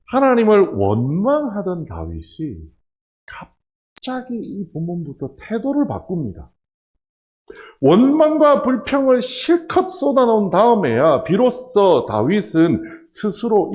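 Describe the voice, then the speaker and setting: A man's voice: sits high, darkish tone. A male pastor preaching a sermon, emphatic, asking the congregation questions and answering them himself. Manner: acts out prayers in quoted voices.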